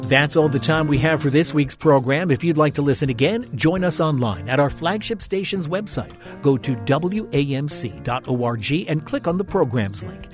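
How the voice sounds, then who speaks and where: A man hosting a public radio program, reading announcements in a steady announcer delivery. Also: on the high side, normal speed, few pauses, over music. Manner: smooth, steady announcer read. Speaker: radio show producer and host.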